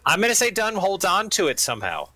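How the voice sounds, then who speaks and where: A man's voice: high voice, wildly swooping pitch, quick pace, bright, forceful tone, dry recording. A man co-hosting a wrestling podcast, emphatic and joking in casual chat. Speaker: podcast co-host.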